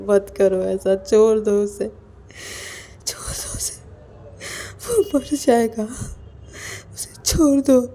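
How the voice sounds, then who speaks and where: A woman's voice: sits high, mellow, voice pushed up. A woman voicing a distraught young man who keeps crying and begging, repeating the same pleas. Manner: tearful, repetitive begging.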